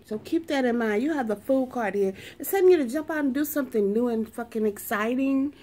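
A woman's voice: fairly high pitch, animated, brisk, mellow. A woman doing a sassy, profane tarot reading in a brash, sarcastic way, swearing constantly. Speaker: tarot reader.

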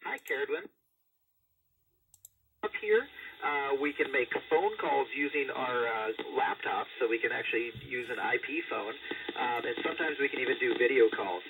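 A man's voice: mid-range voice, gravelly. Middle-aged man over a static-filled radio link. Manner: easygoing, explains plainly, pauses on "uh", ends each answer with "Over". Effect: radio transmission with static. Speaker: astronaut answering questions from students. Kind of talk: answering questions over ham radio. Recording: distant radio downlink with static hiss.

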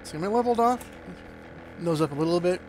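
A man chatting casually as he plays, excitable and quick to break into panicked yelps. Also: high voice, slight background noise. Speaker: gaming streamer. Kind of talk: casual gameplay commentary.

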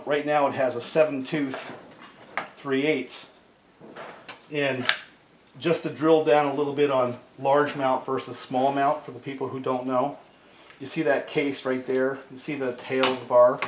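A chainsaw repair video host, middle-aged, takes it slowly with long pauses, his medium-pitched voice holding fairly even intonation. He casually explains each step at the workbench, regularly adding "right?", captured by a tripod camera mic amid the echo and background noise of his cluttered home workshop.

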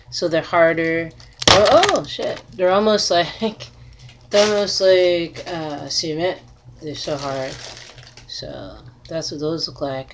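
A woman in her thirties chatting casually to camera in an unhurried, rambling way, as an artist showing her handmade crafts. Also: deep voice. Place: small cluttered room indoors. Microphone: device mic at arm's length. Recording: noisy home webcam recording.

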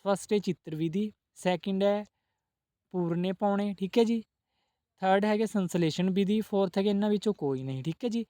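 A man's voice: high voice, normal speed, dark tone, dry recording. A man teaching exam-prep questions, who asks each question and then answers it, adding a polite "ji" again and again.

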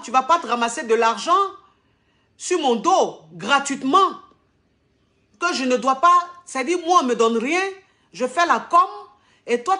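A woman influencer speaks straight to her followers in a live video, her voice sitting a little high. She is indignant and emphatic, driving each point home by saying it again and again. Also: pushed and bright. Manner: emphatic, repeats phrases for stress. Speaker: social media influencer.

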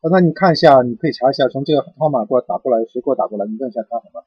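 A man's voice: medium pitch, racing, husky, no echo. A man speaking over a phone line, hesitant and wary as he deflects questions about himself. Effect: heard over a phone line. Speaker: call recipient. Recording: muffled dull phone line.

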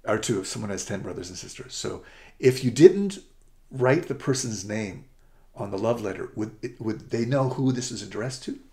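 A middle-aged man giving an upbeat, rushed presentation as a college essay coach, often correcting himself mid-sentence. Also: on the low side, animated, mellow. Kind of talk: presentation to parents and students.

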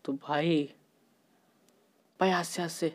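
A man giving excited, panicky commentary while playing a horror game, at times dropping to a hushed voice out of fear and mixing in English exclamations. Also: slow pace. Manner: sometimes talks softly out of fear. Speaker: gaming YouTuber.

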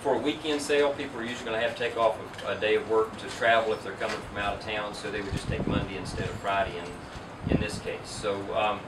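A man's voice: fairly low pitch, fast talker, hardly any pauses. A middle-aged man, an auction company owner, giving a businesslike statement at an indoor press event, picked up from a distance. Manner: businesslike, steady explaining. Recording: roomy, distant, loud air-conditioning hum.

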